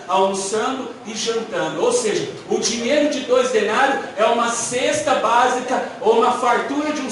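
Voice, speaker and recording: A man preaching a sermon as a missionary, animated and storytelling, acting out voices from Bible stories. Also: very high-pitched. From Brazil. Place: church hall. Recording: echoey church hall, mic far off, audible noise.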